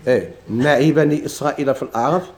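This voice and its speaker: Man, Moroccan Arabic accent, classroom lesson, dark warm voice, chants verses slowly. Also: mid-range voice. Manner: explains in dialect, chants quoted verses slowly. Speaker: teacher of Quranic readings.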